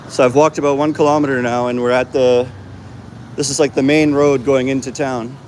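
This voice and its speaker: A man's voice: mid-range voice, little pitch movement, moderate pace, poor audio. A man talking casually while walking and livestreaming on a phone, rambling with fillers and restarts. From Canada. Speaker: vlogger and host. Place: outdoors on a busy roadside. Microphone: phone held while walking. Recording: phone audio with loud traffic. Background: passing vehicles and street noise.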